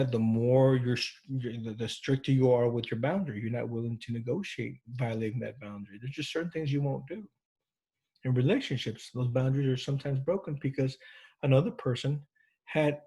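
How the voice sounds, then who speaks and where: A man's voice: mid-range voice, a little mellow, husky. A man who teaches counseling, giving a conversational classroom lecture with frequent restarts and check-ins. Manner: informal, with frequent restarts and fillers. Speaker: counseling instructor.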